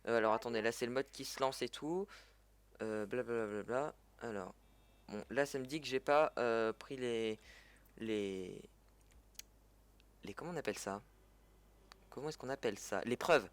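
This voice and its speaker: A gaming tutorial creator from the French-speaking world explains gameplay in a mid-range voice, keeping a measured pace broken by long pauses. Slight background noise is present, and he chats casually, fixing his wording and using fillers.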